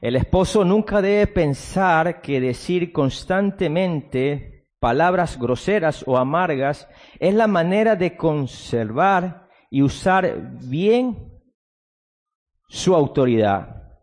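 A man preaching a sermon as pastor, switching between a low, hushed delivery and sudden loud outbursts with drawn-out emphasis, sometimes mocking soft-spoken replies. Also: expressive, big-room sound. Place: church.

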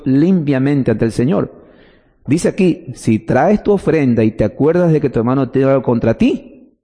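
A man's voice: fairly high pitch, warm tone, in a large hall. A man preaching a teaching sermon, explaining step by step and answering his own questions.

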